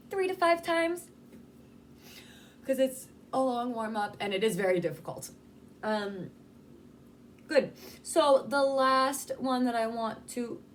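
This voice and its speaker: A woman's voice: on the high side, a little hiss or hum. A woman vocal coach talking casually and informally as she explains and demonstrates how to articulate sounds. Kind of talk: casual instructional talk with demonstrations.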